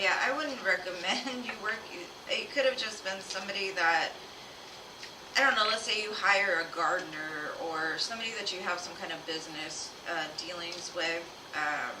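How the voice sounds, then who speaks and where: A woman talking informally and familiarly to viewers as the host of a live reading stream. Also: lowish voice. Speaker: live tarot reader and host. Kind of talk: casual livestream chat. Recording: roomy, distant mic, clear background noise.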